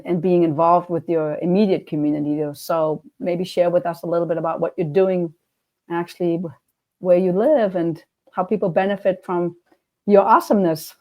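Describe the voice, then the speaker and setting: A woman's voice: lowish voice, dark tone. A woman with a German accent hosting a casual interview, chatty and often restarting her sentences. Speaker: podcast host and coach.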